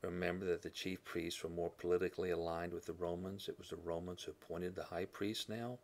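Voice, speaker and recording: A man teaching a Bible lesson in a classroom style, thinking aloud with fillers, correcting himself and often clearing his throat. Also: deep voice, flat delivery, a little fast.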